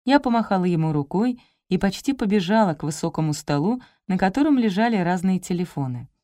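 A woman narrating a comic detective audiobook in the first person, lively and expressive, on a close studio mic. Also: on the low side, a little fast, no room sound.

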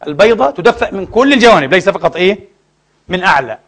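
Fast, high-voiced man preaching. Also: big pitch swings, a bit bright. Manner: emphatic, rhetorical questions to the congregation; storytelling with asides and jokes. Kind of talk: sermon.

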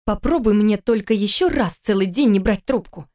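A woman reading a story aloud, voicing a worried, sarcastic wife and mother who scolds quickly and sharply in a raised voice. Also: mid-range voice, warm tone, close to an everyday voice. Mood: scolding.

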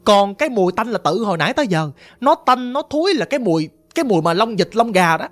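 A woman's voice: mid-range voice, very animated, quick pace. A woman with a Southern Vietnamese accent telling a ghost story about herself in a vivid, emphatic, repetitive manner.

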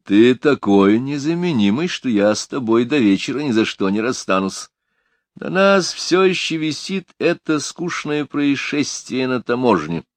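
A man's voice: mid-range voice, very animated, measured pace, dry recording, voice pushed up. A man voicing a sardonic older male boss in an audiobook, with a dry, ironic way of talking. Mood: mock-stern. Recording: dry close studio sound.

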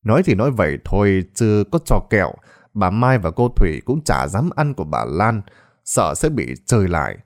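A male storyteller narrates a ghost tale with theatrical flair. His pitch swoops up and down constantly. Dramatic and lively. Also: moderate pace.

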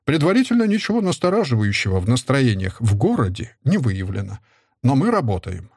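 A man voicing a loyal valet who doubles as a spy chief, reporting in a quiet, low voice. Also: big pitch swings, brisk, breathy edge, no room sound, clean studio sound. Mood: hushed.

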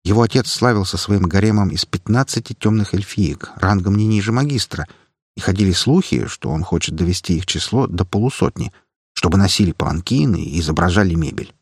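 Husky deep guy reading an audiobook, steady, dry close sound. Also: a little fast, no room sound. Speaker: audiobook narrator. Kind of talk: scripted narration.

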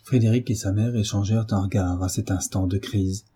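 A man narrating a classic novel as an audiobook, reading in a measured, steady way. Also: lowish voice, slightly rough. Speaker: audiobook reader.

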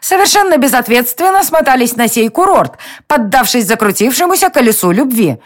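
A woman voicing a tiny bossy female fairy with a squeaky, mock-lecturing voice in a storybook reading. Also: animated, brisk, natural voice. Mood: teasing.

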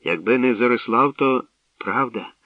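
A man's voice: mid-range voice, moderate pace, dry recording, lightly acted. A man reading aloud, voicing an eager, breathless young girl who is a princess, in a storybook tale. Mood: rapt. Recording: tinny lo-fi radio recording, distant.

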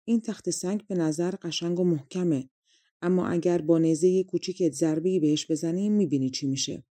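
A woman voicing a small clever talking monkey in a storybook, with a playful, coaxing manner and a dark, mellow tone. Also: lowish voice, no room sound, close to an everyday voice.

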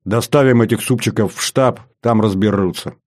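Чтец играет грубоватого сержанта, низкий голос, отрывистые команды. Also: male voice, lowish voice, normal speed, darkish tone, natural voice. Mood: barking. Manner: curt, barking commands. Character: gruff mustached army sergeant, stern. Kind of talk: audiobook character voice.

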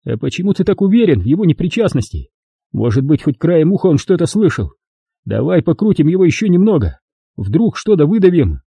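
A man's voice: a little high, very animated, a little fast, mellow, dry recording, pitched above the performer's own voice, exaggerated voice. A man doing a crude hot-headed partner. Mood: rough. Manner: rough, blunt, coarse. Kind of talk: audiobook reading.

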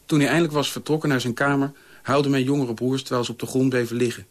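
A man reading a personal memoir aloud in a calm, measured way. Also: mid-range voice. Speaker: reader.

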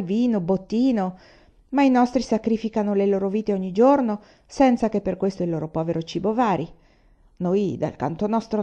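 A woman reading the lines of a calm, hard-hearted male rebel leader, blunt and unsentimental. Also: medium pitch, dull audio, lightly acted. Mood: cool.

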